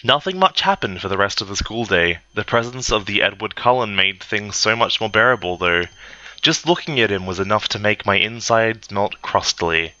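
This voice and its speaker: A man giving a comedic dramatic reading, narrating in a deadpan, mock-earnest tone. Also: fairly low pitch, moderate pace, lo-fi sound. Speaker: reader.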